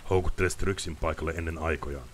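A man reading aloud, voicing a calm, stoic male monster hunter in short, quiet lines. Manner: calm, curt, low-key.

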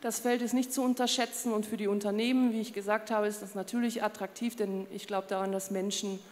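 A woman in her fifties speaking on a conference panel with a handheld mic, measured and with many hesitation fillers. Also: mid-range voice, fairly even intonation, darkish tone. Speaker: panelist, communications head. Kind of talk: panel discussion. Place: conference stage in a large hall. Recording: long reverb of event hall.

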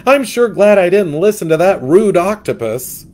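A man putting on a naive, eager little male fish from a storybook, pitched far above his own voice. He chatters brightly and excitedly. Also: normal speed.

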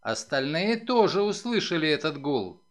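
A man narrating a novel as an audiobook, in a dramatic, expressive reading. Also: fairly high pitch, moderate pace. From Ukraine. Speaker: audiobook reader.

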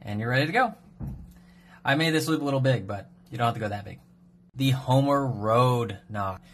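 A man in his thirties giving a brisk, upbeat step-by-step tutorial on fishing knots, recorded on a phone at a kitchen sink. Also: medium pitch, a little hiss or hum. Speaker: fishing knot instructor.

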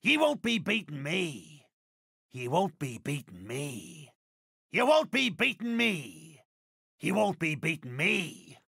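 A man playing a boastful older pirate captain in a video game, with a raspy voice, a theatrical West Country pirate accent and rolling archaic phrasing. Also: on the high side, wildly swooping pitch, slow pace, sharp tone, dry recording, clean studio sound, exaggerated voice. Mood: taunting. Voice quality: gravelly, raspy. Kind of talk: video game character voice lines.

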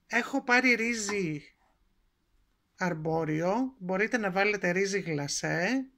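A woman's voice: mid-range voice, lively intonation, a bit bright, slight background noise. A woman presenting a home recipe in a kitchen, explaining each step in a homely, chatty way. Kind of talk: cooking tutorial narration.

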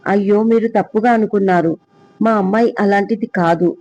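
A man's voice: high-pitched, fairly even intonation, brisk, darkish tone, no echo, lo-fi sound. A man voicing a mother in an audio story, defending her daughter with pleading urgency. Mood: defensive. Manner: pleading, then stern.

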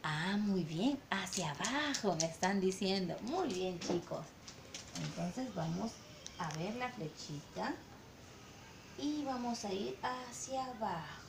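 A woman teaching an online lesson to small children, asking slow sing-song questions and stretching her vowels. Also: medium pitch, expressive, vocal fry, roomy sound, noisy background. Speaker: preschool teacher.

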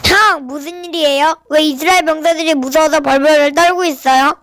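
A woman plays an obedient but brave shepherd boy in a children's Bible play. The voice is high and close, with an earnest, declaiming delivery. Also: steady tone, brisk, fairly bright tone, dry recording. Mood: eager, questioning.

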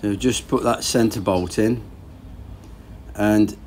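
With a little hiss or hum in the background, a man in his thirties takes it slowly as he narrates rebuilding an engine in his garage. His voice runs low, and his manner is easygoing and plain, like he's just thinking aloud mid-task.

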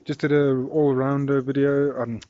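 Holding his phone at arm's length in a residential yard, a South African vlogger in his twenties films a daily vlog, rambling casually and amiably with plenty of fillers. He speaks at normal speed in a dark, level, mid-range voice, and the phone audio is slightly dull.

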